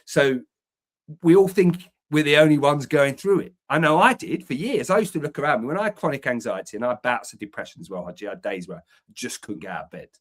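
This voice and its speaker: Fast and expressive, with a mid-range voice, he's an English man from England who founded a men's community and co-hosts a podcast recorded upstairs in his house. Earnest and emphatic, he curses to underline what he says and repeats words as he pushes a point, keeping it conversational.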